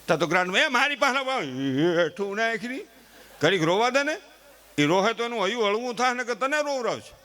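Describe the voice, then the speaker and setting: Brisk, with lively intonation and a high-sitting, fairly bright voice, a middle-aged man delivers a chatty, folksy stand-up monologue live. He speaks directly to the audience and acts out quoted relatives.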